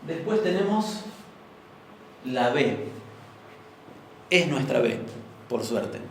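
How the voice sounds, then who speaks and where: Very animated and drawing out his words, a young adult man with an Argentine accent teaches an informal university class in a medium-pitched voice. He explains patiently, regularly asking students to agree. A far room microphone catches him in a very echoey room with slight background noise.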